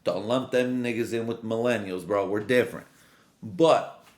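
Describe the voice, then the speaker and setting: A man's voice: lowish voice, normal speed. A man in his late twenties on a drunk, loose, rambling casual solo rant, full of slang and swearing. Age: late 20s. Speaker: vlogger.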